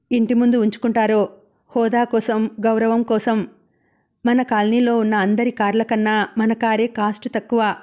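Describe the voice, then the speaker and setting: A woman's voice: fairly high pitch, darkish tone, lo-fi sound, close to an everyday voice. A woman voicing an ambitious, domineering young husband who talks in a demanding, brusque way.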